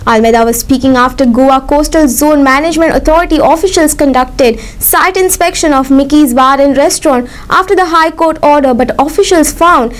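A woman's voice: sits high, a little fast, few pauses. A woman news anchor with an Indian English accent, reading a scripted report in a studio. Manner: even, formal news delivery.

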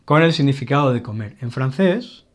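A man with a Spanish accent giving a casual grammar lesson, often pausing to check in with his learners. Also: mid-range voice, lively intonation. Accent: Spanish from Spain. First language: Catalan. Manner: explanatory, checks in with frequent "vale". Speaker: Spanish teacher.

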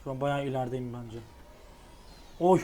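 A young man giving casual, excitable commentary while playing a racing game online. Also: medium pitch, normal speed, slight background noise. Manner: excitable, exclaims at near misses. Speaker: gaming YouTuber.

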